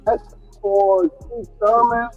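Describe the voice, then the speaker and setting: Man, slow halting talk, muffled headset mic, underwater-sounding call, phone-like sound. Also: sits high, fairly even intonation, soft background music. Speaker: panel guest on a call. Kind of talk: casual sports chat.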